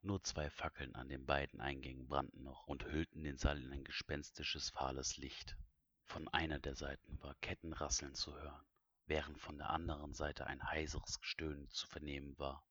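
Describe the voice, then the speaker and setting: A man's voice: extremely low pitch, level tone, moderate pace, a bit bright, husky, dry recording. A man reading an audiobook as narrator in a suspenseful voice that drops to whispers. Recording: dull, dry, lo-fi recording.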